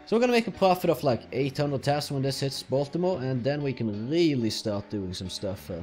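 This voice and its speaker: Over soft background music, a young let's play host from Norway talks through his gameplay step by step in English, his second language. He has a Norwegian accent and a brisk, mid-range voice, staying relaxed and using fillers.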